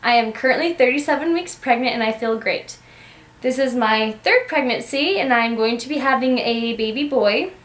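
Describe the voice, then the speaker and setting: A woman's voice: on the high side, moderate pace, echoey room. Slightly breathless woman vlogging at home. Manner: chatty, upbeat and personal. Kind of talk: casual vlog update.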